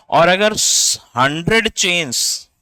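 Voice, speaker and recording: A man's voice: on the high side, pushed and bright, no room sound. A man, teaching biology in a classroom lecture, explaining step by step and checking in with his students. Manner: spells out words letter by letter.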